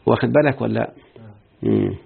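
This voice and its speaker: A male grammar teacher with an Egyptian Arabic accent gives a classroom lesson, explaining step by step and often checking that students follow. His medium-pitched voice is steady and brisk, heard through a tinny, husky, phone-like recording.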